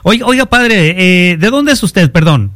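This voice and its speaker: A man's voice: high voice, animated, unhurried, a bit bright, no room sound, studio quality. A man hosting a radio interview, chatty and rambling with many filler phrases. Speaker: radio host.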